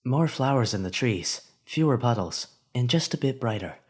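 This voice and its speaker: A husky-voiced man at mid pitch narrates a fan-made audiobook at a moderate pace. The storytelling is steady, but his delivery swells expressively during the hero's inner thoughts.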